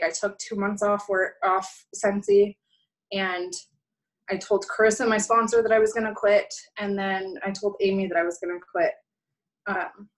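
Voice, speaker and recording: Relaxed woman on a video call. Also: medium pitch, low-quality recording. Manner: relaxed, many ums. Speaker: consultant on a group call. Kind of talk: casual group call talk.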